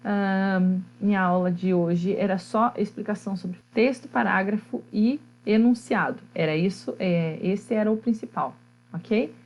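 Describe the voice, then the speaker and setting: A woman's voice: mid-range voice, a little slow, a little mellow, low-quality recording. Woman teacher with a Brazilian accent. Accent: Brazilian Portuguese. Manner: explanatory, often checks in with "tá?" and "né?"; many hesitant fillers while thinking. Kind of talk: recorded online class.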